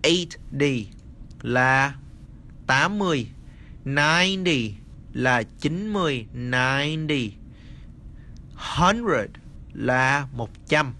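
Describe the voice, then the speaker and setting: A man teaching English number words in a casual spoken lesson, slowly repeating each word and checking that the viewers follow. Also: medium pitch, animated, sharp tone, a little hiss or hum. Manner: slow, repeats words, addresses viewers as friends.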